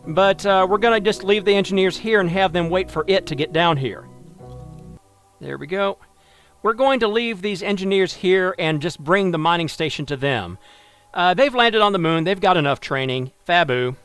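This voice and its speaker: A man's voice: sits high, a bit bright. A man giving wry, self-deprecating live commentary while playing a space game, thinking aloud as he goes. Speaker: game streamer.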